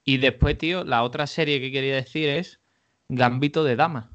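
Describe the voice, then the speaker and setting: A man's voice: mid-range voice, fairly even intonation, normal speed, a bit bright, muffled recording. A man co-hosting a podcast in casual chat, enthusiastic and slangy. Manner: enthusiastic, says "tío" a lot. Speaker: podcast co-host.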